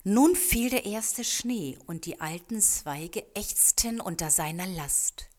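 Slow, calm woman reading a storybook. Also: lowish voice. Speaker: narrator.

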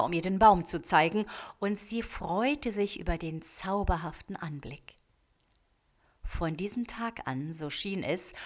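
A woman narrating a storybook in a calm, measured way. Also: on the low side. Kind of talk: storybook reading.

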